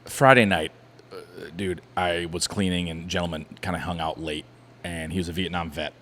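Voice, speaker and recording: A bar owner from Ohio co-hosts a casual podcast, telling rambling stories with plenty of restarts. His low voice is steady, fairly bright, and at normal speed, recorded with long reverb, faint background ambience, and a little hiss or hum.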